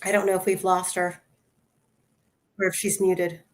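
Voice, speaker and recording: Slow woman speaking over a video call. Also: fairly low pitch, level tone, a little hiss or hum. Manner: methodical, talks through images one by one. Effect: voice heard over a video call. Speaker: host presenting trial photos by screen share. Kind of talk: casual online discussion. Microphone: computer mic on a video call.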